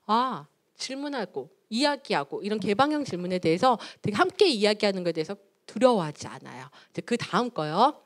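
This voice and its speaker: A woman lecturing on child development at a church, lively and animated, acting out little scenes between mothers and children. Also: medium pitch, a little fast, few pauses. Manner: animated, acts out mothers and children in quoted voices. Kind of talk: parenting lecture. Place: church hall.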